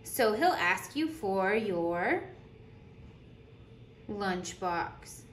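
Reading picture books to young listeners, this teacher uses a medium pitch and highly animated intonation, pausing to pose questions as she tells the story deliberately. The recording is noisy, with audible background sound and room echo.

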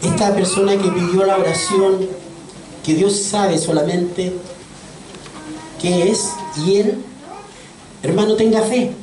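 A man preaches to his congregation, earnest and full of questions. His voice is mellow and dark, picked up from a distance in a reverberant church with a faint hiss beneath it. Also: sits high, steady tone, takes it slowly, long pauses. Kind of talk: sermon. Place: church sanctuary. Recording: echoey church audio from far off, faint noise.

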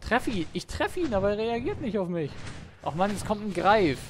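A man's voice: sits high, expressive, normal speed, background noise. A man giving gameplay commentary, exasperated, swearing at the game and calling to the creatures on screen. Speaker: let's play gamer. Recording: game music loud behind voice. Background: game music.

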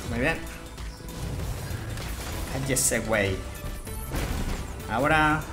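A man with a Mexican Spanish accent giving live gameplay commentary as a streamer, jokey and profane, with sudden excited outbursts. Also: medium pitch, extremely slow, music in the background. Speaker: gaming streamer.

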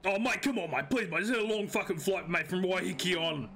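A man's voice: sits high, fast, crowd noise. A man with a New Zealand accent playing a crude, grumpy older bloke who is hard of hearing, drawling and swearing, calling everyone mate. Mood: cranky banter. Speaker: streamer in roleplay. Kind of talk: improvised roleplay in voice chat.

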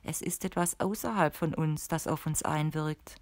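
A woman reading a calm, knowing sorcerer. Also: on the high side, normal speed, no room sound, natural voice. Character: calm, amused male sorcerer, friendly and knowing. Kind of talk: audiobook character voice.

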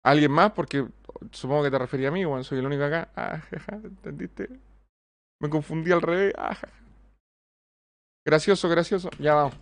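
A young Chilean man chats with viewers on a live stream, swearing freely and joking while reading out donations. His slightly high, gravelly voice moves a little fast but breaks into long pauses, and the recording is dry.

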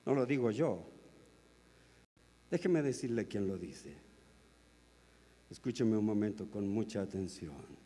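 A man with a Chilean accent preaching a sermon, telling stories and swinging from hushed tones to loud, emphatic peaks. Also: lowish voice, lively intonation, a little slow, pauses often. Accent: Chilean Spanish. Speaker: pastor. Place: large convention hall. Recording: long hall reverb.

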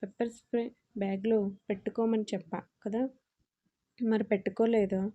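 A woman's voice: medium pitch, little pitch movement, moderate pace, warm tone, lightly acted. A woman reading a teasing young man in a storybook. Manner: bantering, affectionate teasing. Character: teasing playful young man, college-aged lover. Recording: dull lo-fi audio.

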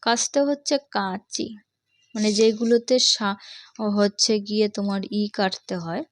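A woman's voice: mid-range voice, moderate pace. A woman with a Bangladeshi accent teaching an English reading lesson to young children, patiently repeating each point and asking the class questions.

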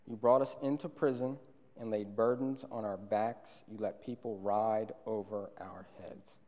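Standing behind a pulpit, a young male preacher speaks an earnest sermon into a stand microphone, his fairly low, slightly mellow voice unhurried and fairly even. He often repeats a phrase to drive it home, while the church sanctuary gives each word a long, trailing reverb.

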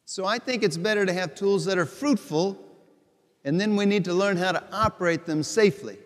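A middle-aged man, a bishop, giving a homily at Mass in a slow, deliberate, conversational way with repeated phrases. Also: high voice. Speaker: bishop preaching. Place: large church sanctuary before the altar. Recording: long church reverb.

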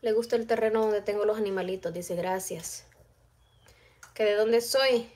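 A woman's voice: medium pitch, steady tone, normal speed, a little mellow. A middle-aged woman, chatting casually on a phone live stream from her home kitchen while cooking and reading out viewers' comments. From El Salvador. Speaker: vlogger. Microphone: phone camera close-up.

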